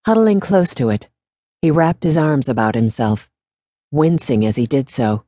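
A woman narrating a novel in a steady, measured audiobook reading, recorded on a close studio mic. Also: a bass voice, no room sound. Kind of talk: scripted narration.

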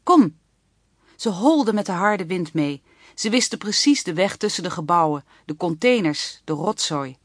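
Low-voiced woman narrating a children's book. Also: dry recording, studio quality. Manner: even, clear storytelling. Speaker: audiobook narrator.

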